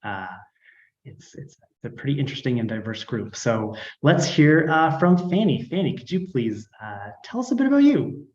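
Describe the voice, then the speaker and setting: A man's voice: medium pitch, sing-song, moderate pace, darkish tone. A man hosting an art event and introducing the artists in a friendly way, with some fillers. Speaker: event host. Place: arts centre gathering. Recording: dull roomy sound.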